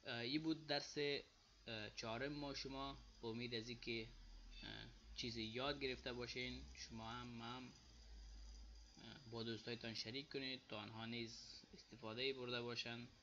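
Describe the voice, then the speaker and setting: A man's voice: mid-range voice, level tone, dull audio, a little hiss or hum. Afghan Dari-accented man teaching German words. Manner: repeats example words slowly and loudly, then explains softly. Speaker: language teacher. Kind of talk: casual spoken lesson.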